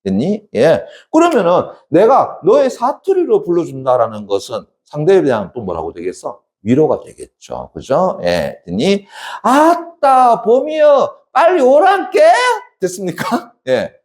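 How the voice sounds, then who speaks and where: A man's voice: wildly swooping pitch, normal speed, hardly any pauses, darkish tone. A male academy teacher giving an exam-prep literature lecture, constantly asking check questions and answering them himself. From South Korea. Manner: acts out poem lines with sudden high dramatic dialect.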